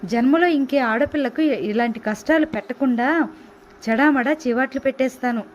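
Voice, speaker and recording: Female audiobook narrator, higher pitch, expressive first-person reading, dull recording with faint hiss. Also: moderate pace. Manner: expressive reading, voicing dialogue. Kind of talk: novel reading.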